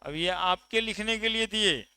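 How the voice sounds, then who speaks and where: High, bright-voiced male chemistry teacher. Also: a little slow, smooth, no room sound. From India. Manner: counts atoms aloud, asks checking questions. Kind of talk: classroom lecture. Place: classroom.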